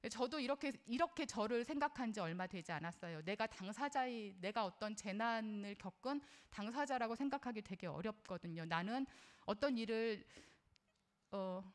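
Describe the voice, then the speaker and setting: A woman's voice: medium pitch, animated, moderate pace. A middle-aged woman giving a parenting lecture in an earnest, conversational way, often putting questions to her listeners and drawing on her own life as a mother. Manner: personal, shares her own experience as a mother.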